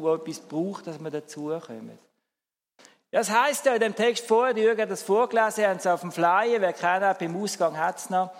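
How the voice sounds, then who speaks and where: A Swiss man with a Swiss German accent, giving a sermon at a church service and chatting with the congregation, now emphatic, now quiet. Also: high voice. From Switzerland. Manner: lively, swings between emphatic and soft. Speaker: preacher. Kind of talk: sermon with audience interaction. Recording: long hall reverb.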